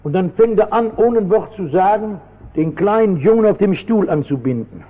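Heard through a thin, phone-like old radio broadcast, a high-voiced man gives an animated sermon at normal speed, recounting his story with fervour. He shifts from hushed asides to sudden shouts, and a long church echo lingers after each phrase.

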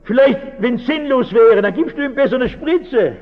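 A man speaks as a pastor in a notably high voice, earnest and searching as he turns question after question back on his listeners. His words ring out with a long reverb, and the recording sounds dull and muffled. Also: expressive, moderate pace. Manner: earnest, keeps asking rhetorical questions. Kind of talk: reflective talk to an audience.

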